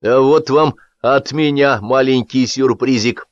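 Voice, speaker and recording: A man's voice: medium pitch, measured pace, no echo, dull audio, pitched above the performer's own voice, lightly acted. A man reading an audiobook, voicing an effusive, fawning male film director who talks in gushing exclamations.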